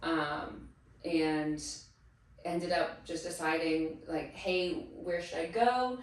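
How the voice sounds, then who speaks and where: A woman in her thirties from Massachusetts, a teacher, appears as a guest in a casual interview, speaking slowly in a low-pitched voice. A chatty storyteller, she animatedly acts out what others said, and the recording is echoey with a distant mic.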